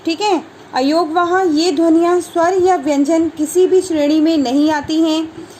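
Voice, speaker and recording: A woman teaching a grammar lesson in a high voice. She speaks slowly and clearly, reading out examples one at a time. A faint hiss of noise sits under the recording. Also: fairly even intonation, a little mellow, poor audio. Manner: slow, clear explanation with listed examples.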